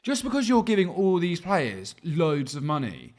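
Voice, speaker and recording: Animated ranting young Englishman. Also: on the high side. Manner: ranting, animated, quick asides. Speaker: podcast co-host. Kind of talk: football debate chat.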